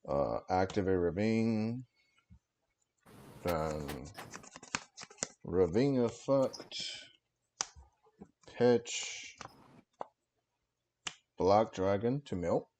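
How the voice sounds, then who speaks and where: A man with a slightly low voice talks through a headset mic on a livestream. He calls his card plays in terse bursts and pads them with fillers. The tone stays casual. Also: lively intonation, extremely slow, long pauses, background noise. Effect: livestream headset mic audio. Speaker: streamer and card game player. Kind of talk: casual play-by-play commentary of his own turn.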